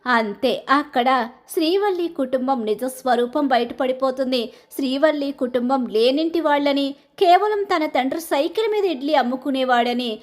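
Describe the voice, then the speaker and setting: A woman narrating a storytelling recap of a television drama in a lively, dramatic way. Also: high-pitched, normal speed.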